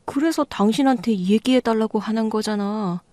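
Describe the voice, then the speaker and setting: A woman's voice: a little high, normal speed, dark tone, no echo, natural voice. A woman playing a clueless, defensive husband. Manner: defensive, pleading.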